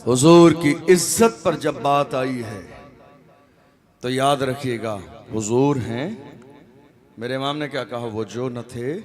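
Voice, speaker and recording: A man preaching at a public gathering, orating and swinging between shouts and hushed tones. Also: mid-range voice, takes it slowly, long pauses. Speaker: Islamic preacher. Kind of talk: fiery public religious speech.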